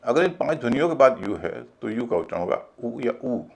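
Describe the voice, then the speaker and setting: A man's voice: mid-range voice, big pitch swings, fairly quick, creaky, husky. A man teaching English pronunciation in a video class, explaining each rule step by step and spelling words out letter by letter.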